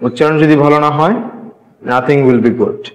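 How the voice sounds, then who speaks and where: A man teaching a spoken English class, drilling the alphabet slowly and having learners repeat after him. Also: a little high, fairly even intonation, dull audio. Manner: slow, deliberate, repeats each letter for learners. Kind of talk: classroom lesson, call-and-response drilling. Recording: echoey room.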